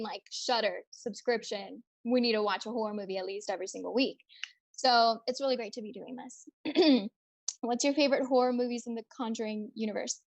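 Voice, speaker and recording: A young woman with a high voice hosts a casual livestream from home. She chats in a bubbly, energetic way, reads viewer comments aloud and answers them as they come in. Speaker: livestream host.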